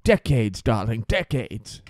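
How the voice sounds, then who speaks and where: A man's voice: medium pitch, big pitch swings, slow pace, no room sound. A man voicing an older British woman flight attendant who drawls and calls everyone darling. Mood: breezy. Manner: drawling, says darling a lot.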